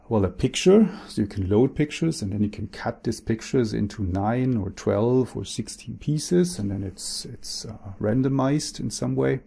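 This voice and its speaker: A man's voice: on the low side, vocal fry, mellow, slightly rough. A man presenting his research in a recorded talk, explaining patiently with frequent restarts and fillers.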